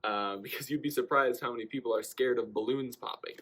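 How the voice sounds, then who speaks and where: A young man with a mid-range voice tells a personal anecdote fairly quickly and casually. He is an animated storyteller, acting out bits of quoted dialogue as he goes.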